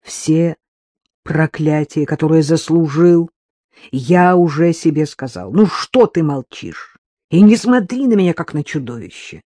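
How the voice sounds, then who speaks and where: A woman's voice: fairly low pitch, a little mellow, no echo, clean studio sound. A woman voicing a middle-aged husband who leaves his wife, defensive and pleading, in an audiobook reading. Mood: agitated. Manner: defensive, pleading, voice rising and dropping.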